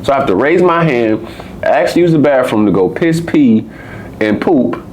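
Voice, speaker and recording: Animated, profane American man. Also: medium pitch, normal speed, a little hiss or hum. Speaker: podcast co-host. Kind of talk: casual conversation.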